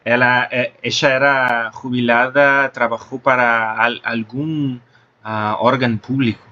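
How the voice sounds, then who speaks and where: A man's voice: mid-range voice, level tone, measured pace, bright, forceful tone, highs cut off. A man hosting a casual conversation, hesitant, searching for words with many restarts. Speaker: host.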